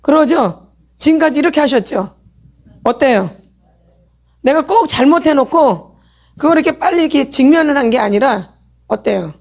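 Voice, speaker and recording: In a high, animated voice at normal speed, broken by long pauses, a middle-aged woman leads a church healing meeting. Her sermon lecture uses call-and-response, and she keeps asking the audience questions and answering them herself.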